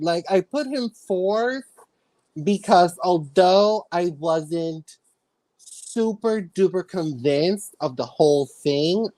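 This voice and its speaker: Lower-voiced woman from the Dominican Republic. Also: no room sound. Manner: relaxed, hesitant with fillers. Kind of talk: casual chat. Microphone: video call.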